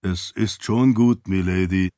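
A man reading an audiobook, voicing a loyal floating spirit servant who speaks in a measured, deferential way. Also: sits low, steady tone, warm tone, dry recording, clean studio sound, voice pushed down. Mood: calm. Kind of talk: audiobook character voice.

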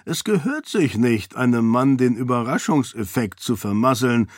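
A man's voice: medium pitch, lively intonation, normal speed, no echo, clean studio sound, close to an everyday voice. A man voicing a sly, mocking old duke. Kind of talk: audiobook character voice.

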